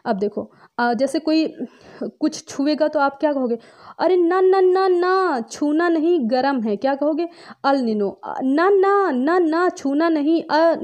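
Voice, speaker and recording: Brief: young woman teacher, chatty and playful, warm mellow voice, a little high. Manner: chatty and playful, acting out little scenes with rising pitch. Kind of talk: exam-prep memory-trick lesson.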